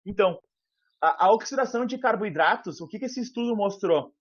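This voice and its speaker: A man's voice: high-pitched, lively intonation, a little fast. A man giving an informal university lecture over a video call, explaining aloud with frequent fillers. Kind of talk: online lecture. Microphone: headset. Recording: muffled video-call audio.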